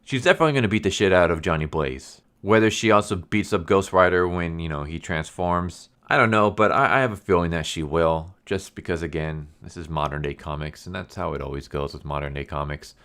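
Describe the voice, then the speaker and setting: Male reviewer, very low voice, non-native English speaker, R's come out as W's, stumbles over words, casual rambling delivery. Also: a bit bright, clean tone. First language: a language other than English. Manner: says w for r, slows down on r sounds. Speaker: comic book reviewer.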